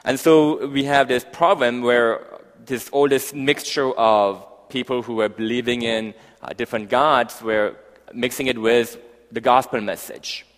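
A man preaching a sermon, speaking haltingly with many fillers and restarts. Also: mid-range voice, fairly even intonation. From grew up partly in Africa. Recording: long hall reverb.

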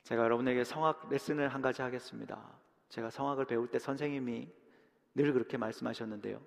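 A male pastor giving a dramatic sermon, swinging from loud emphasis to hushed, near-whispered lines and acting out short prayers and quotes. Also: mid-range voice, steady tone, quick pace, gravelly, in a large hall. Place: church sanctuary.

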